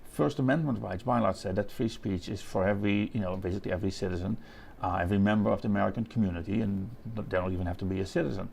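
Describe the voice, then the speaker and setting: A man explains his view in an interview, rephrasing as he goes. His voice is low and heavily creaky, and there is faint noise behind him. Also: steady tone, rapid-fire, a little mellow. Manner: repeats and rephrases as he reasons aloud. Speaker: interviewee commenting on free speech. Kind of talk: halting explanatory interview answer.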